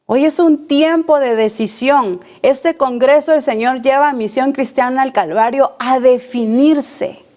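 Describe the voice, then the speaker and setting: A woman's voice: high-pitched, darkish tone. A woman preaching a sermon at a church service, repeating key phrases and asking the congregation rhetorical questions. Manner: slow, deliberate delivery, repeating key phrases.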